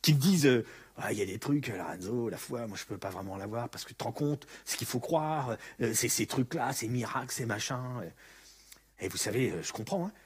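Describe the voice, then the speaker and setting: A man preaching a sermon as a pastor, animated, acting out the voices of the story. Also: mid-range voice, a little fast, breathy edge. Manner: animated, acts out the story's speakers.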